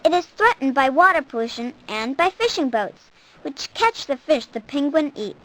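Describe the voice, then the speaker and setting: High-pitched woman narrating a nature documentary. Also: big pitch swings, moderate pace, a bit bright, no echo, poor audio. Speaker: narrator of a children's educational nature program.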